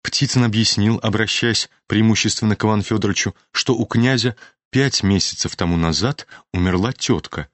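A man narrating a classic novel as an audiobook, reading in a steady, even-paced way into a studio microphone. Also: fairly low pitch, brisk, no room sound.

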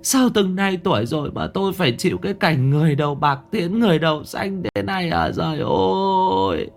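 A man voicing an old grandmother who wails and sobs in drawn-out cries over her grandson. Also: a little high, big pitch swings, faint music behind, pitched above the performer's own voice. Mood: wailing grief. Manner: sobbing, drawn-out wailing cries.

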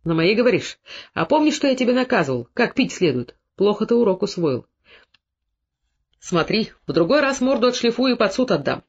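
A man voicing a shrewd older army colonel who speaks calmly and commandingly with a dry mocking edge. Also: high voice, fairly quick, husky, dull audio, heavily acted. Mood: scolding. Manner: calm, commanding, mildly mocking.

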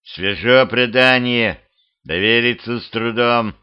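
A man's voice: mid-range voice, takes it slowly, clear, resonant tone, close to an everyday voice. A man voicing a weary, kindly old man who hunts monsters, speaking in a raised, exasperated, pleading way in a homemade audiobook. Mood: defiant. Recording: slightly dull lo-fi home recording.

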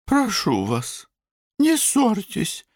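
A man doing a fretful old mother, high and wailing. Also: wildly swooping pitch, very slow, dry recording, clean studio sound, full character voice. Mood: pleading. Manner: plaintive, lamenting. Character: fretful elderly mother, woman.

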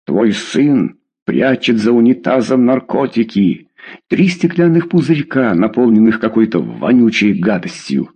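A man voicing an enraged middle-aged father who hurls pompous threats at his son, with a husky, lively voice. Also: fairly low pitch, unhurried, exaggerated voice. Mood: indignant.

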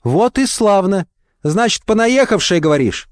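A man voicing a brash, crude woman boss with a low chesty voice, firing blunt, mocking questions at an applicant. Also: very animated, normal speed, dry recording, clean studio sound.

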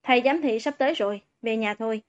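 A woman voicing a calm, detached male high-school student who speaks curtly, in a dull lo-fi recording. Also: quick pace, natural voice. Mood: cold, dismissive. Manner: detached, curt.

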